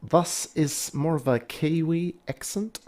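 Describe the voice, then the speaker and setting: A man's voice: on the high side, slow pace, a little mellow. A man hosting a casual live stream who rambles through a jokey story. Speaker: host.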